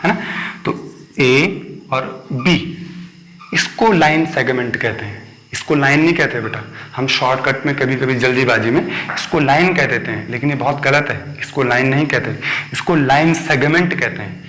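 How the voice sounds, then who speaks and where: A male maths teacher explains ideas at a board in a mid-pitched voice. He is patient and repeats himself, often asking whether the point is clear. The sound rings in an echoey room. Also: moderate pace, pushed and bright. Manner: patient, repeats points and checks understanding with the class. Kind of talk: whiteboard maths lesson for children. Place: classroom at a board.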